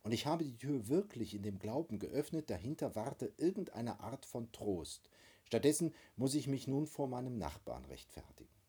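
A man reading first-person literary narration aloud as an audiobook narrator, with expressive, wry storytelling. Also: mid-range voice, normal speed, slightly rough.

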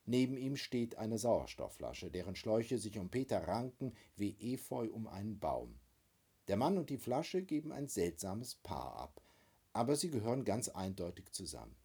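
A man reading first-person literary narration aloud as an audiobook narrator, with expressive, wry storytelling. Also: mid-range voice, slightly rough.

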